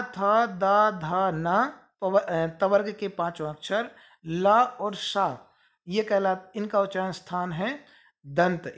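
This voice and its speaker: Slow, deliberate woman teaching a lesson. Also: medium pitch. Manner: slow and deliberate, spelling out sounds one by one. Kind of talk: classroom lesson.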